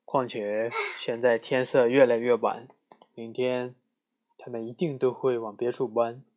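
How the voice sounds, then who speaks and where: A man reading aloud, voicing a big, gentle, generous male moose who talks politely and mutters when annoyed. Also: mid-range voice, level tone, unhurried, natural voice. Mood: grumbling.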